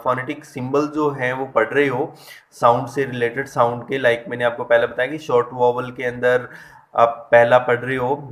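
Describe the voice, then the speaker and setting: A man gives an English phonetics lesson to his students. He talks in a flat, level voice, hesitating and correcting himself as he goes. He draws out and stresses each example word. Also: medium pitch. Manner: explains step by step and addresses students directly; stresses and drawls out example words. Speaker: English teacher. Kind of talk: online lesson.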